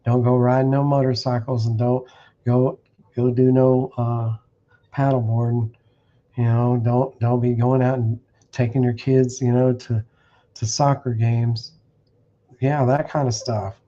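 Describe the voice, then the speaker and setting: A man's voice: mid-range voice, little pitch movement, a little slow, warm tone, muffled recording. A man preaching bluntly on a stream, warning listeners and reading verses aloud with restarts. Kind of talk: streamed scripture teaching. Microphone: streaming setup.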